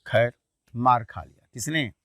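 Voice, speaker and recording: A man teaching a class, retelling a textbook story in a colloquial way and repeatedly asking quick questions that he answers himself. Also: medium pitch, animated, fairly bright tone, no echo, clean studio sound. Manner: poses quiz questions and answers them himself.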